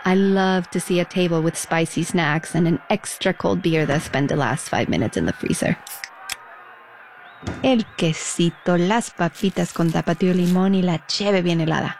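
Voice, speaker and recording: A woman's voice: on the low side, moderate pace, darkish tone, a little hiss or hum. A woman in her forties from Mexico, narrating a reflective personal radio feature with a nostalgic, storytelling manner.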